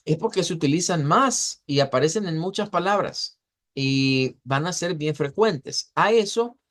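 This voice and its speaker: A man's voice: a little high, lively intonation, a bit bright. Man teaching pronunciation, repeating words. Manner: explanatory, repeats words slowly to model sounds. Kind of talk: online class lecture.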